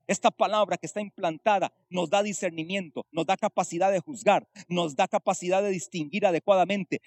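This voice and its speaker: Man, pastor, high voice, dry close sound, teaching sermon, rhetorical questions. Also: no echo. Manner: teaching, explaining Greek terms, rhetorical questions.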